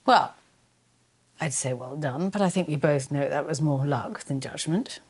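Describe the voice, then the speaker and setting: A woman's voice: deep voice, a little slow, darkish tone. An actress with a British accent playing a caustic, exasperated, dramatically sarcastic woman in a comedy game. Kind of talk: acted comedy game dialogue.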